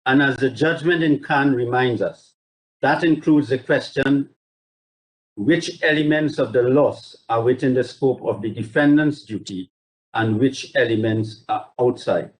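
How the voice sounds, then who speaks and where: A barrister delivers a formal, courteous legal submission over a video link, reading judgments with measured care. His voice sits at a medium pitch, and the video-call audio is poor.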